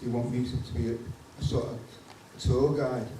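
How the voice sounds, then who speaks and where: A man in the audience asking a question in a halting, hesitant way, chuckling as he goes. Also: mid-range voice, little pitch movement. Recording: very echoey hall from far off, noise.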